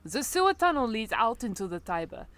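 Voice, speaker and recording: A woman's voice: fairly high pitch, sing-song, fairly quick, fairly bright tone. Casting: a woman putting on a fierce, scheming witch with a mock Russian accent, matter-of-fact. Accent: put-on Russian. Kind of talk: reading a story aloud with friends.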